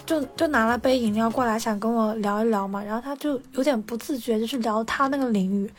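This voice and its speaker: Fast-talking woman in casual chat. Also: fairly high pitch, soft background music. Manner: quick, animated, often repeats words when starting sentences. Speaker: podcast guest. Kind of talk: casual chat, telling an anecdote.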